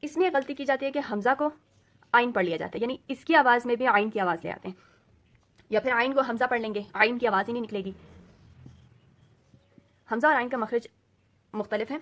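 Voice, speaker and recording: A woman's voice: fairly high pitch, fairly bright tone. Patient woman teaching letter sounds. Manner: slow, patient explaining, repeating letter sounds for drills; mixes English words into her teaching. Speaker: Quran reading teacher. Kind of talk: recorded tajweed lesson.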